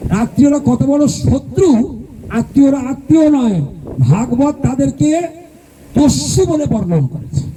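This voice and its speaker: A man's voice: very high-pitched, warm tone, low-quality recording. A male preacher giving a devotional sermon at a home gathering, asking the audience rhetorical questions and leading call-and-response. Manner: mimics relatives in quoted speech. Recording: faint background noise and clicks.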